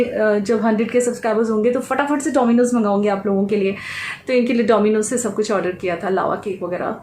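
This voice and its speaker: Vlogger, woman, 30s, from India: chatty and emotional, higher voice, echoey home room, faint hiss. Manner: excited, emotional, chatty, mixes in English phrases. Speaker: daily vlogger. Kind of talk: casual vlog talk to camera. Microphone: handheld vlogging camera.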